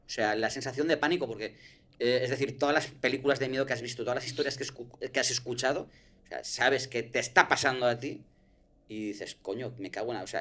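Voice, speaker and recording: A man's voice: medium pitch, fairly bright tone. A man, telling a personal story in casual conversation, swearing and restarting often.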